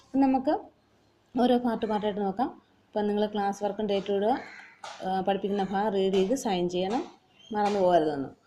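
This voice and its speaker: A woman teacher with a Malayali accent records a lesson for small children, explaining slowly and repeating each word and its spelling. Her voice is mellow and rounded, at a middling pitch. A faint hiss of noise sits under the phone recording. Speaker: primary school Hindi teacher.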